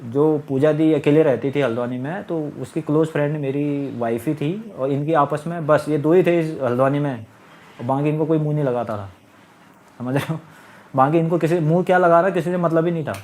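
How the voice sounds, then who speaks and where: A fairly quick, slightly mellow, higher-pitched voice belongs to a middle-aged man recounting his marriage. It's a casual spoken monologue, rambling and aggrieved, full of repeated phrases.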